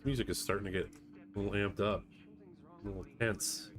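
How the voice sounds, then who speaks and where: A man with a lowish voice and fairly even intonation talks a little quickly while live streaming a video game. His chat is casual, rambling, and easygoing, and the recording clearly picks up background noise and game ambience.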